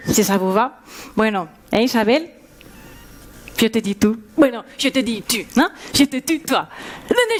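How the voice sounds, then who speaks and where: A bubbly Spanish teacher with a thick Spanish accent, put on by a woman comic, playfully teasing her class. Her voice sits high and bright, with a faint hiss of noise behind it from a theatre stage. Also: lightly acted. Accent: Spanish accent in French. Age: young adult. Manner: playful, teasing the audience, mixing Spanish into French. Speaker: stand-up comedian. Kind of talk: stand-up character act. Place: theatre stage before a live audience.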